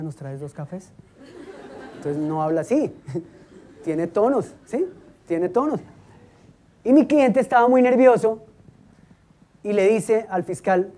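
A middle-aged man, a law school dean, giving a lecture full of anecdotes and acting out the voices of the people in his stories. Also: on the high side. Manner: lively storyteller who acts out the voices in his anecdotes.

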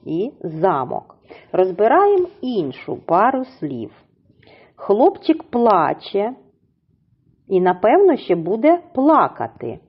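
Slow husky teacher lady sounding out syllables for little kids, lots of up and down in her voice. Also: on the low side, muffled recording. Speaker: primary school teacher. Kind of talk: slow, clearly articulated reading lesson.

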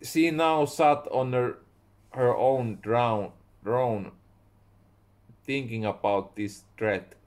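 A Finnish-accented man with a medium-pitched voice slowly reads a story aloud from his own book, halting, rereading and correcting his words. He's in a small room indoors at home.

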